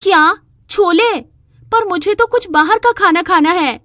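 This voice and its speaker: A woman's voice: extremely high pitch, unhurried, pushed and bright, dry recording, clean studio sound, voice pushed up, full character voice. A woman voicing a spoiled, stubborn young bride who whines and demands. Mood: petulant. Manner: whiny and demanding.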